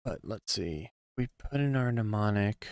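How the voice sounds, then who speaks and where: A man talks his way through a live coding session, slow and unhurried, in a smooth, clear voice that sits a little low. He muses aloud in a halting way, trailing off into ums and long pauses as he works. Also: animated, a little mellow, no echo, studio quality. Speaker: programmer streaming a coding session.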